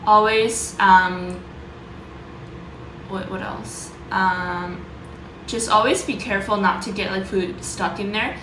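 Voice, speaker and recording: A woman vlogger talking informally about her own experience, loosely worded and pausing to search for words. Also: mid-range voice, fairly even intonation, roomy sound, background noise. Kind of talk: casual vlog talk, sharing personal experience and tips.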